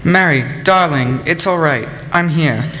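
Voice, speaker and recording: A man's voice: fairly high pitch, a little slow, bright, forceful tone. A man playing an earnest, proud and devoted young bridegroom in a radio play. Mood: tender, reassuring. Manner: earnest, polite. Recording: reverberant hall, faint noise.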